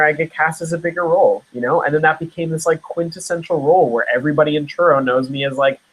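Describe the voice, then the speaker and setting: Young actor guy from nova scotia, husky voice, rambling with lots of likes and you knows. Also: a little high, a bit bright, poor audio. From Nova Scotia, Canada. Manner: rambling, many fillers and restarts. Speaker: actor guest. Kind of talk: casual interview chat.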